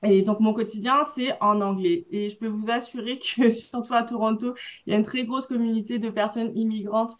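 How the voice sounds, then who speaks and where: A woman's voice: on the high side, steady tone, fairly quick. A woman with a French accent speaking as an alumna on a panel, giving students direct, encouraging career advice. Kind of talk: panel talk, advising students.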